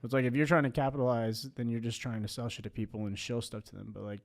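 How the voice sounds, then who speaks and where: A man's voice: medium pitch, level tone, fast talker, creaky. A man in his late twenties in a casual podcast chat. He rambles, full of "like" and restarts. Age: 20s.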